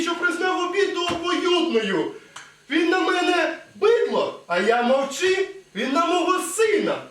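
Schoolboy playing a pompous shouting would-be nobleman; high, lively voice, echoey school hall from afar. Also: heavily acted. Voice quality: blustering, indignant shouting. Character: pompous blustering rural would-be nobleman, older. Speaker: student actor. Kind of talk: school stage play. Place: school stage. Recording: echoey hall, mic far off.

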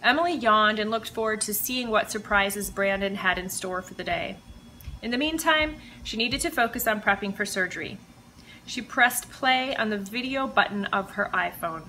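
Bright-voiced woman reading her novel. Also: medium pitch, slight background noise, low-quality recording. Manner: measured, expressive storytelling. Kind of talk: audiobook-style reading of fiction.

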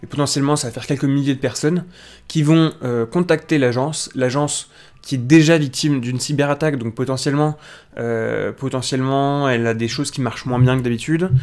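A man hosting a casual morning news live stream has just woken up and talks with many hesitations and restarts. His mid-range voice is a little mellow, fairly quick and fairly even in intonation.

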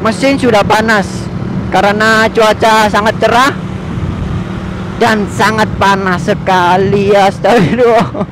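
A young man chatting and joking as he rides a motorbike on a highway, talking to viewers in casual slang. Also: steady tone, slow pace, long pauses. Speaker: motovlogger. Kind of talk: casual riding commentary. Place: riding a motorbike on a highway outdoors. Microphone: helmet or bike camera mic. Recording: loud wind and traffic noise. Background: engine and traffic noise.

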